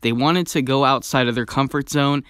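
A man narrates a video with chatty, excited commentary and strong opinions. His voice is smooth and clear at a middle pitch. The recording is dry and close, with no room sound. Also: moderate pace, dry recording. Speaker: theme park vlogger.

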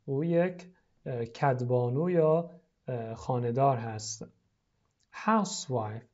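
A teacher recording a video lesson, talking pupils through a short dialogue. The English lines come very slowly, word by word, between quicker stretches of explanation. The voice sits at a middling pitch, and the recording sounds a little dull. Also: a little mellow.

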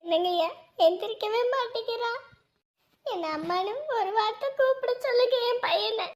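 A woman's voice: extremely high pitch, normal speed. A woman playing a village mother who sobs and wails as she talks. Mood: grieving. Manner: tearful, wailing, sobbing through her words. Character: grieving village mother at her son's hospital bed. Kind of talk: emotional village drama acting.

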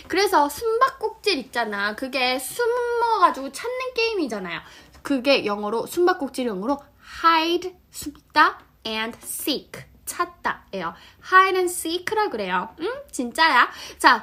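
A woman's voice: high voice, pushed and bright. A woman teaching English words to children in a playful, sing-song way, acting out little scenes. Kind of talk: children's vocabulary lesson. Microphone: phone filming vertical video.

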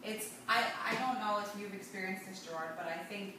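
A young adult woman who's a hair stylist co-hosts a salon talk show, explaining things in casual chat at a slightly fast pace with a medium-pitched voice. She's recorded by a distant camera mic in an echoey salon seating area with a noisy background.

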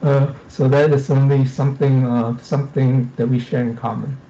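Middle-aged man from Singapore, polite formal questioner, mellow voice, lo-fi call sound. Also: mid-range voice, little pitch movement, moderate pace. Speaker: audience member asking a question. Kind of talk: prepared question on a video call. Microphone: video call. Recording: dull lo-fi video call audio.

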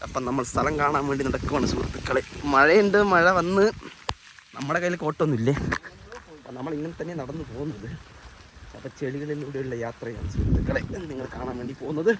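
A man's voice: mid-range voice, fast talker. A Malayali man doing casual walking commentary for a vlog outdoors, mixing English slang into his Malayalam, with heavy noise. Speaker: vlogger. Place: outdoors on a muddy, rainy trail. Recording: very noisy, windy outdoor recording.

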